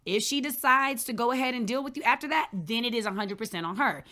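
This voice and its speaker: Bright-voiced frank woman in her thirties. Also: fairly high pitch, fast. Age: early 30s. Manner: frank, advice-giving, acts out quotes. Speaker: podcast co-host. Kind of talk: casual podcast chat.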